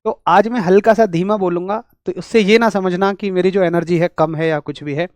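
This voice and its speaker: A male teacher with a rural Hindi accent and a sore throat gives an energetic, chatty online physics class, speaking directly to his students. His voice sits high and his delivery is brisk, with no echo.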